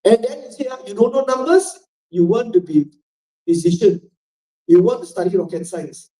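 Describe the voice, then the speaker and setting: A man's voice: high-pitched, expressive, moderate pace, dark tone. A man with a Malaysian English accent speaking on a forum panel, who keeps throwing rhetorical questions at the audience. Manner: rhetorical, repeats questions to the crowd. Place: event hall. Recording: echoey hall, distant mic.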